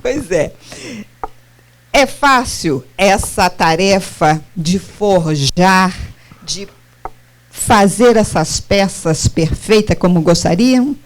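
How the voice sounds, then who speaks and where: A woman's voice: medium pitch, slow. A middle-aged woman giving a spiritist lecture, often putting questions straight to her audience. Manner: animated, questions the audience directly.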